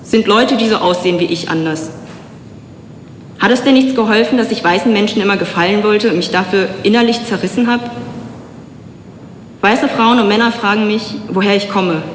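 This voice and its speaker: Young woman, from Germany, public talk, earnest, measured, long hall reverb, faint noise. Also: mid-range voice. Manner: earnest, measured storytelling with slow emphatic pauses. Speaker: speaker giving a public talk. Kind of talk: personal spoken-word speech.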